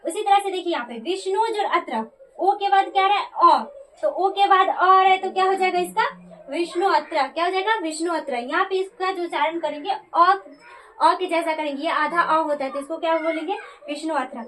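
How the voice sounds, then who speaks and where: ऊँची आवाज़ में पढ़ाती शिक्षिका, हल्की सरसराहट. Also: female voice, very high-pitched, a little fast, fairly bright tone, slight background noise. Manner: repeats questions and answers them for students. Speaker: Sanskrit grammar teacher. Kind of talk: classroom lecture.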